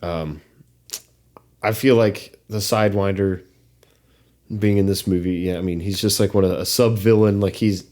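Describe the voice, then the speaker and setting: A young man with a fairly low voice chats loosely on a podcast. He circles his thoughts, restarting sentences and leaning on fillers as he works out what he thinks. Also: fairly even intonation, moderate pace, long pauses, a little mellow. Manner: hesitant, many fillers and restarts. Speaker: podcast co-host. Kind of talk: casual movie discussion.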